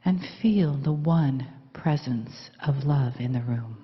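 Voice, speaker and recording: A woman leading a guided meditation in a soft, breathy, soothing half-whisper. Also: a bass voice, slow pace. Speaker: meditation leader. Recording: dull recording in reverberant hall.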